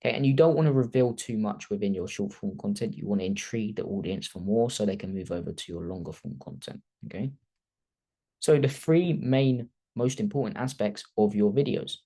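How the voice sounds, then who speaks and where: A man's voice: on the low side, fairly quick, warm tone. A man teaching a casual personal branding masterclass, talking off the top of his head and tagging sentences with "okay?". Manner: conversational, keeps tagging "okay?", thinks aloud off the cuff. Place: video call.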